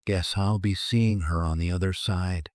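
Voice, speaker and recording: A man's voice: deep voice, fairly even intonation, unhurried, darkish tone, dry recording, clean studio sound. A man voicing a defiant, guilt-ridden accomplice resigned to death in a horror story, grim and accusing. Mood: sad resignation. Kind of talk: acted dialogue in horror storytelling.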